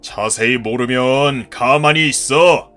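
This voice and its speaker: A man voicing a gruff, hot-tempered ex-marine father in his fifties who scolds and shouts in a cartoon story. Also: medium pitch, takes it slowly, faint music behind, pitched below the performer's own voice. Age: 50s.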